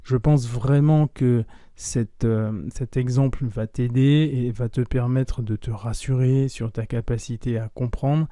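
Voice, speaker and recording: Dark-voiced man teaching French. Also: medium pitch, fairly even intonation, no room sound, clean studio sound. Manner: repeats phrases slowly, then in fast clipped native form. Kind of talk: casual spoken lesson.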